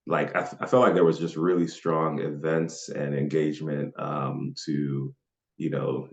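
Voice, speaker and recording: A man who grew up in Nigeria, answering interview questions in a relaxed, chatty way. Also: very deep voice. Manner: relaxed and chatty, with frequent fillers and laughs. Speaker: podcast guest.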